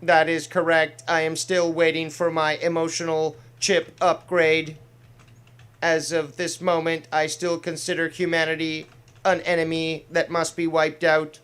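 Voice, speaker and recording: A stiff, emotionless android that glitches and repeats error messages, as a man puts it on during a stream. The voice rides a little higher and louder than his normal speech, and its drawn-out, flat phrasing marks it as a comic robot act. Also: smooth. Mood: robotic.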